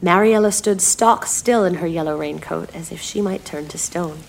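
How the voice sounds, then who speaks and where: A woman reading her own short story aloud in an expressive storytelling style, shifting her tone for suspense. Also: fairly low pitch, normal speed, creaky, a little hiss or hum.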